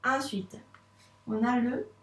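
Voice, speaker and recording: A woman teaching a child to read, slowly and patiently stretching out each letter sound and syllable. Her voice sits a little high, and the small room around her has a noticeable echo. She talks gently, as if guiding one child through the page. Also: fairly even intonation, far from the mic. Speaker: first-grade teacher. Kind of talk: reading lesson for young children. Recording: echoey room.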